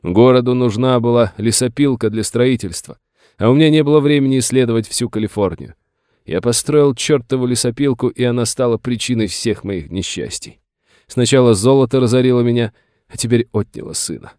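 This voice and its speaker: A man's voice: medium pitch, fairly quick, mellow, clear, resonant tone, no room sound, studio quality, voice pushed up, close to an everyday voice. Man voicing a frightened, tearful old rancher. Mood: fearful, plaintive. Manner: pleading, plaintive and agitated. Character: frightened aging male rancher, tearful and whining.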